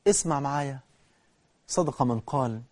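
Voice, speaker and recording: A man with an Egyptian accent preaching an impassioned sermon, swinging from loud to hushed and chanting scripture slowly. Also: medium pitch, no room sound, studio quality. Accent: Egyptian Arabic.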